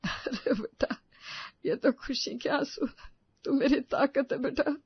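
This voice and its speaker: A woman voicing a quiet, patient older father who speaks softly and calmly in a cartoon story. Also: on the low side, unhurried, gravelly, husky, highs cut off, exaggerated voice. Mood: tender.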